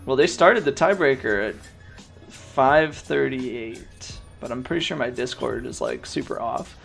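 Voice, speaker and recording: A man's voice: medium pitch, expressive, unhurried, creaky, fairly bright tone, soft background music. A man hosting and commentating a gaming tournament stream, chatty and joking with the live chat.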